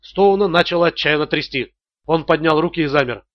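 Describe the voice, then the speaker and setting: A man narrating an audiobook thriller in a steady, tense manner. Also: fairly high pitch, fairly quick, dull audio.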